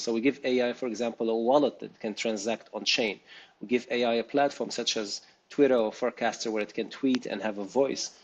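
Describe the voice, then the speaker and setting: A man from Tunisia, a startup co-founder, answering interview questions thoughtfully with frequent pauses and restarts. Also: medium pitch, a little mellow, muffled recording. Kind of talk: interview conversation.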